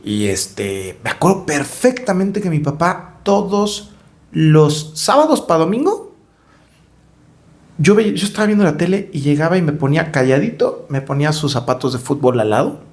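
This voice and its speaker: A man's voice: a little high, sing-song, normal speed, darkish tone. A middle-aged man with a Mexican accent, telling stories as a podcast guest, reflective and repeating words while he searches for them. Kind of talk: conversational interview storytelling.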